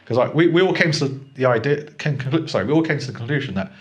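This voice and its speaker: A man talks fast in a relaxed interview. He is chatty and laughs easily, often restarting sentences and piling on fillers. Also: mid-range voice. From England. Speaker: gallery founder, guest. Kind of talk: casual interview chat.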